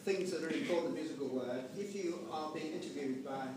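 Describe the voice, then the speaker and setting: An older man giving an informal, unscripted eulogy to a gathering, halting and digressive as he goes. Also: on the high side. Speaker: family member giving a speech at a memorial gathering. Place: large echoey room with a gathering. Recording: roomy, distant recording with background noise.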